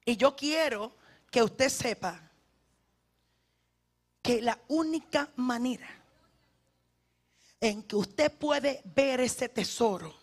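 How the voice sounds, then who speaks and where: Woman preaching at a church service, gets loud and fervent, raspy fry in her voice. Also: fairly high pitch. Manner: fervent, often shouting; direct address to the congregation. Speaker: evangelist preacher. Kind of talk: sermon.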